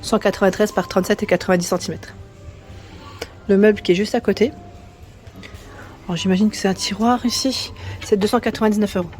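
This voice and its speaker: A woman with a warm, mellow voice wanders a big furniture store, talking casually into a handheld phone. She reads out prices and measurements in an easy, chatty way, sprinkling in fillers. Soft store music plays faintly behind her. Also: mid-range voice, steady tone, a little fast, long pauses. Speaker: vlogger touring a furniture store. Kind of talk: casual walkthrough chat. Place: inside a large furniture store.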